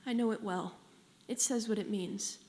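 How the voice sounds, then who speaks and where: A young woman voicing a curious twelve-year-old desert girl, playful and quietly confident, in a read-aloud story. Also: medium pitch, moderate pace, close to an everyday voice.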